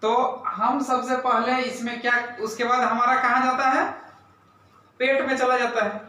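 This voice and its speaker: A man with a very high, pushed and bright voice teaches a science lesson in a classroom, quizzing pupils, repeating key terms and often adding "right?". His pitch barely moves and his pace is moderate. A camera far off in the very echoey room picks him up from a distance.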